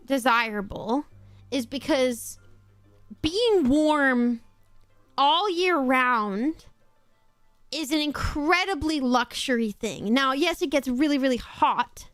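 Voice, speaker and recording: Her voice sits high and sounds a bit bright and smooth as this Australian woman reads chat aloud during a casual stream. She mostly sounds North American, though some words carry a slight Australian edge, and she's quick to laugh and to swear offhandedly.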